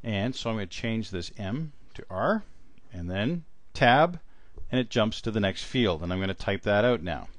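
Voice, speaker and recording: A man's voice: lowish voice, animated, normal speed. A man narrating an instructional screen-recording tutorial, explaining each step as he types. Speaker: transcription trainer.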